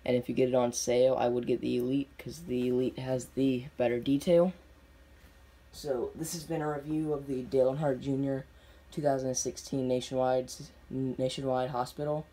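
A man's voice: mid-range voice, flat delivery, moderate pace, warm tone. A young man giving casual unboxing video commentary in plain, unscripted, short clipped phrases. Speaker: diecast collector reviewing on camera. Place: indoors at a tabletop display. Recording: noisy home recording with clicks.

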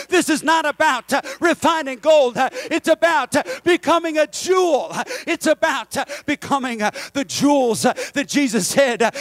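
A middle-aged male pastor preaching a Pentecostal sermon into a handheld mic, swinging from low, measured talk to high, fervent appeals and calling on the congregation to respond. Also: fairly bright tone, no room sound. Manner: asks the crowd for response. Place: large church sanctuary with a congregation. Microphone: handheld microphone.

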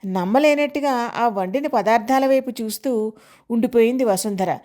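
Woman, audio story narrator, measured expressive reading, slightly high voice.

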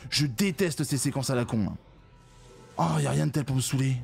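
A man's voice: mid-range voice, a little fast, gravelly, a little mellow, soft background music. A man giving frustrated gameplay commentary, groaning and swearing as he complains. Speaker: let's play gamer.

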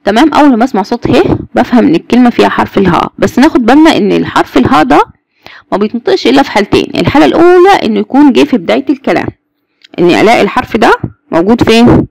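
A woman's voice: a little high, lively intonation, very fast, creaky, a little mellow, dry recording. A woman with an Egyptian Arabic accent teaching German letters to a class, patiently repeating each sound and asking the students questions. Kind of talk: Egyptian Arabic alphabet lesson.

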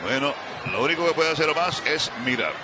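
A man calling wrestling play-by-play as a commentator, excitable and dramatic, in short bursts. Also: a little high, brisk, background noise. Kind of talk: play-by-play wrestling commentary in Spanish-language broadcast. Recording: loud arena crowd and ringside thuds. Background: roaring wrestling crowd.

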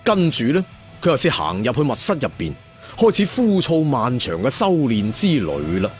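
This Hong Kong Cantonese-accented man tells a story as an audiobook storyteller, with music playing behind him. His mid-range voice swoops wildly in pitch at a moderate pace, and he's dramatic and colloquial, tossing rhetorical asides to listeners.

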